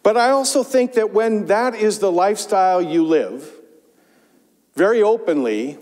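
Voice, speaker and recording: An older man, a pastor, giving a conversational, animated sermon with rhetorical asides, on a lapel mic in a large church. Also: high voice, unhurried. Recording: church sanctuary reverb.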